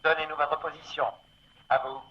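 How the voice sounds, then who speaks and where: An actor playing an urgent ship radio operator answering a distress call in a 1960s TV drama, heard as if over a field telephone. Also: male voice, on the high side, little pitch movement, normal speed. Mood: urgent, alert. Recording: dull, noisy old radio transmission.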